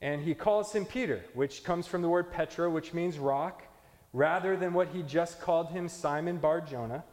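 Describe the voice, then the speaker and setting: A pastor preaching a conversational teaching sermon, explaining scripture verse by verse. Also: male voice, fairly high pitch, moderate pace, a little mellow, long reverb tail. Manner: conversational teaching with fillers and restarts.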